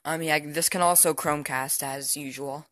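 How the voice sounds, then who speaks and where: Standing by the TV at home, an amateur vlogger who is teenage or barely adult gives an unscripted show-and-tell, hesitant and rambling, frequently trailing off. His fairly high voice is steady, bright and forceful at a moderate pace.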